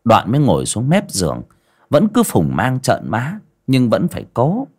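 Expressive male storyteller. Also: mid-range voice, normal speed, breathy edge. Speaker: audiobook narrator. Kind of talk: dramatic storytelling narration.

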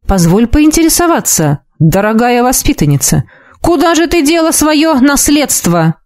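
Woman voicing a male dark mage, sardonic, mocking, lordly, storybook reading. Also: sits high, very animated, normal speed, no echo, studio quality, pitched above the performer's own voice.

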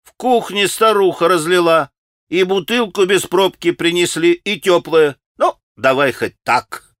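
A man's voice: sits high, a little slow, a bit bright, dry recording, clean studio sound, voice pushed up. A male audiobook reader plays a mocking, spiteful young man who taunts and jeers. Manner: taunting, sarcastic.

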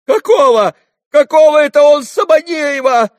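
A man voicing an agitated, dim-witted young clerk who keeps shouting the same words, in a storybook reading. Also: very high-pitched, lively intonation, no room sound, clean studio sound, pitched above the performer's own voice. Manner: shouting, repetitive, slow-witted.

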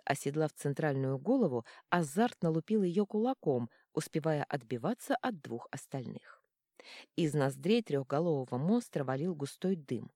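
A woman narrating an audiobook with expressive, lively storytelling. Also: low-pitched, no echo, studio quality. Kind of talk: scripted narration.

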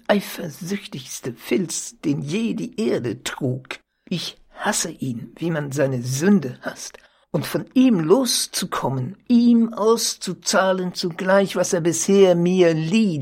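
Cunning young noblewoman, read by a narrator: slow, husky, persuasive. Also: medium pitch, heavily acted. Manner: persuasive, dramatic pleading.

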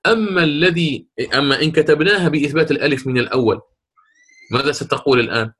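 A man's voice: fairly high pitch, quick pace, a bit bright, slightly rough. A man teaching a class, explaining patiently with rhetorical questions and frequent restarts. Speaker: Quran recitation teacher. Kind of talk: classroom lecture.

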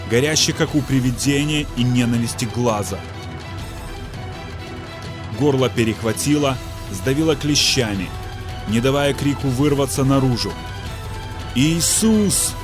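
A man reading an audiobook in a measured, suspenseful narration style. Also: mid-range voice. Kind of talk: dramatic scripted narration.

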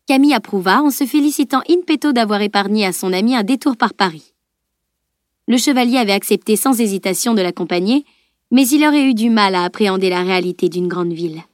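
A woman narrating an audiobook with an even, measured reading. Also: mid-range voice, dry recording, studio quality. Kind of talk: scripted narration.

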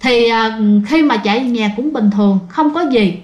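A woman's voice: on the high side, moderate pace. Chatty Southern Vietnamese woman storyteller. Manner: chatty, addresses listeners directly. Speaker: ghost story host. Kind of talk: casual spoken storytelling. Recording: roomy echo.

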